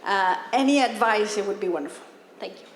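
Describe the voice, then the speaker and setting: A woman from Mexico asking a panel a polite, somewhat halting question. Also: mid-range voice, slight background noise. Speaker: audience member asking a question. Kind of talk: audience question. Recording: echoey hall, long reverb.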